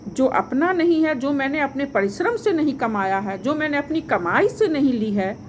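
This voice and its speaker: Lady teacher, high voice that goes up and down a lot, repeats stuff, asks the class questions, bit of hiss behind. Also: animated. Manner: slow, repeats points and quizzes pupils. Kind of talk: online class lecture. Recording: faint background noise.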